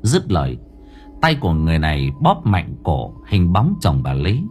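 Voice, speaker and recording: A man narrating a horror story in an expressive, dramatic way. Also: low voice, moderate pace. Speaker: audiobook narrator. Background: faint music.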